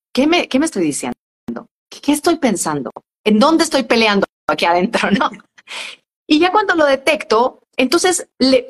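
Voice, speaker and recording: A woman with a somewhat high voice speaks as a guest on a live stream. She explains her ideas calmly and step by step in a reflective self-help manner. She often restarts and repeats words as she goes. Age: adult with a school-age daughter. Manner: calm, explains step by step, frequent self-corrections. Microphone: live video stream.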